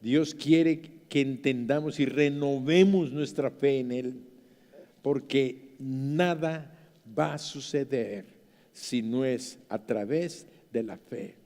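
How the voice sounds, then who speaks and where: A man with a Mexican accent preaching a sermon as pastor, dramatic, swinging from soft to loud. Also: medium pitch, slow. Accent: Mexican Spanish. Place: church. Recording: church hall reverb.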